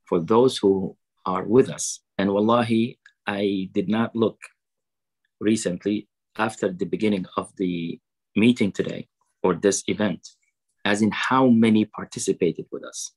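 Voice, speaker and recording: A man giving a fundraising sermon over a video call. He quotes Arabic sayings, then translates and explains them slowly. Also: fairly low pitch, steady tone, rough recording. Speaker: preacher at a fundraiser.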